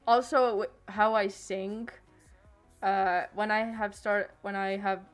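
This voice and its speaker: Slowly and with fairly even intonation, a late-teen streamer chats at home into a desk microphone, her voice clear, resonant, and middle-pitched. Her casual rambling keeps stopping, restarting, and trailing off, with faint music playing quietly behind.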